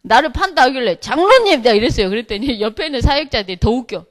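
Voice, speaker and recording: A middle-aged woman, a pastor's wife, telling a humorous church testimony with lively storytelling, acting out what others said. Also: on the high side, racing. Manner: lively storytelling, acts out quotes, laughs often.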